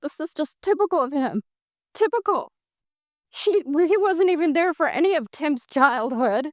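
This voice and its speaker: A middle-aged woman with a high voice, speaking as a plaintiff. She complains with indignation and cuts into others. The recording is dry and close. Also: animated, normal speed, no echo. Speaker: plaintiff in a TV court case.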